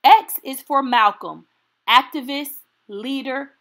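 Reading a children's picture book at storytime, this woman has a high voice. She delivers the words deliberately and expressively, in an encouraging tone.

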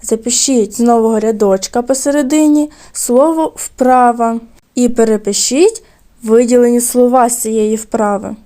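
A woman teacher walks young children through a recorded lesson, stretching words slowly and clearly so they can hear every syllable. Her voice sits a little high but has a soft, mellow tone. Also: steady tone. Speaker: primary school teacher. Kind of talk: recorded video lesson for second graders.

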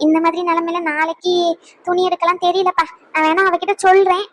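A woman voices an anxious, protective middle-aged mother in a cartoon. She has a high voice and talks fast, in a fretful, confiding, chatty way. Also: level tone, soft background music. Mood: worried. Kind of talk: cartoon voice acting.

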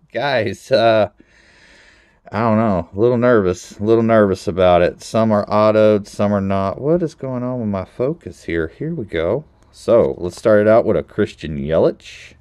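A man chatting casually to viewers while opening trading card packs, nervous and then bursting into loud excited exclamations. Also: deep voice, smooth, dry recording. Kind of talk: casual pack-opening commentary.

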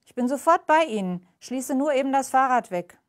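A woman's voice: high-pitched, lively intonation, moderate pace, pitched above the performer's own voice. A woman voicing a polite, concerned male care worker in a storybook reading. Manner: polite, worried.

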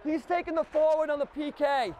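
A man's voice: very high-pitched, fairly even intonation, fairly quick, crowd noise, background noise. A man coaching youth hockey from the bench, barking short commands and encouraging his players. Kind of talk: shouting instructions from the bench. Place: ice rink bench.

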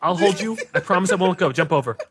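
A man's voice: high voice, expressive, racing, background noise. A man joking through a brawler game with friends, playing up mock-dramatic family banter. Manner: playful, mock-dramatic role-play banter. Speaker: gamer. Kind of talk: casual gaming banter.

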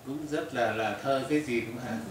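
A man's voice: mid-range voice, brisk, slight background noise. A man in casual chat, eagerly asking questions and agreeing. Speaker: guest. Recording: very echoey room, mic far off, crowd behind.

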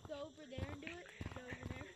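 A woman's voice: high voice, steady tone, rapid-fire, noisy background. A woman playing along in a VR game, chatty and giving instructions to others. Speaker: game player. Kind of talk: playful role-play in a VR game. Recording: crowd chatter behind.

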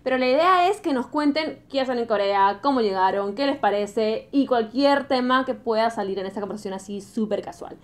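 A young woman hosting a casual interview in a small bedroom, upbeat and lively. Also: on the high side, fairly quick, few pauses. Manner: upbeat, lively, laughs often. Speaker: host. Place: small pink bedroom, indoors.

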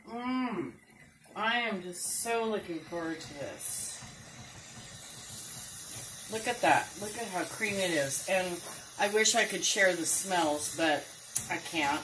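A middle-aged woman hosting a casual home cooking demonstration, chatty and unhurried with lots of ums. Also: fairly low pitch, noisy background. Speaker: cooking show host. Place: home kitchen, indoors. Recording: roomy kitchen with sizzling pan. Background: frying and sizzling food.

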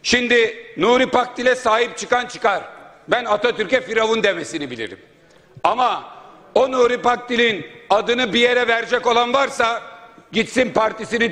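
A man's voice: high-pitched, moderate pace, pushed and bright. A man speaking as a member of parliament at a podium microphone in a large chamber, making an indignant, rhetorical floor speech that piles up points. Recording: long reverb of a large hall.

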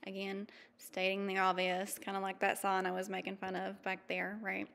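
A woman in her thirties narrating a travel vlog in a chatty, easygoing way, with frequent ums and quick laughs. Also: medium pitch, completely flat delivery, vocal fry, a bit bright, big-room sound. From mountain region. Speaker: vlogger. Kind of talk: casual voice-over narration.

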